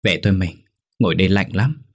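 A man voicing a grieving father who gently coaxes his wife to come home. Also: low-pitched, fairly quick. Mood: tearful coaxing. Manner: soft, tearful coaxing.

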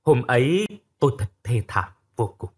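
A man narrates a first-person audiobook story expressively, at normal speed, in a mid-range voice with a breathy edge.

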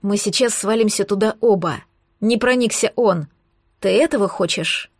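A woman's voice: medium pitch, moderate pace, dry recording, studio quality, natural voice. A woman voicing a stern, tense young man who gives short, clipped commands. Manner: terse, clipped orders.

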